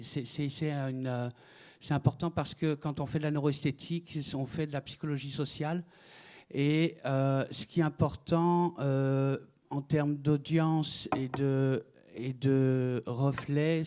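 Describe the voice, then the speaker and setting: A man's voice: medium pitch, mellow, smooth. A middle-aged man from France giving a conference talk, hesitant, with many fillers and restarts. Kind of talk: conference presentation.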